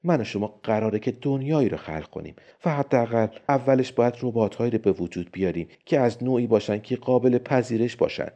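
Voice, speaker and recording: A man voicing a calm, friendly male robotics expert who patiently reasons his case, in a storybook reading. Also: medium pitch, natural voice. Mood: calm persuading. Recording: dull lo-fi recording.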